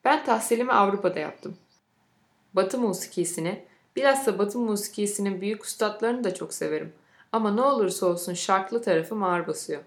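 A woman reading the lines of a genial older gentleman who loves music and talks at length in a grand manner. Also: mid-range voice, brisk, roomy sound, natural voice. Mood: earnest. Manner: grand, talkative, fond of speeches.

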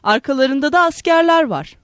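An irritable young man on the run snaps short, urgent lines, read by a woman narrator. The voice stays fairly high. The recording is dry. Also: lively intonation, normal speed, a bit bright, no room sound. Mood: tense. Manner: curt, irritable.

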